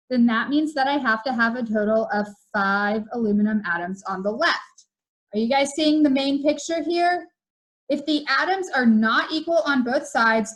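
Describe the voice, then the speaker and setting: A woman's voice: on the high side, a bit bright, low-quality recording. A young woman teacher explaining step by step in a recorded video lesson, repeating the key rules for emphasis.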